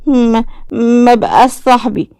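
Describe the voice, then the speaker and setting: A woman's voice: fairly even intonation, unhurried, mellow, clean tone, no echo, studio quality. Woman doing a terrified little Egyptian boy. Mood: fearful. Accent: Egyptian Arabic. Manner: high, trembling, pleading. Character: frightened young boy.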